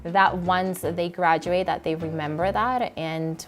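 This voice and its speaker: Woman from puerto rico talking about teaching, lowish voice, earnest, music under it. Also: fairly even intonation, measured pace. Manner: earnest, reflective, with frequent um fillers. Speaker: high school Spanish teacher.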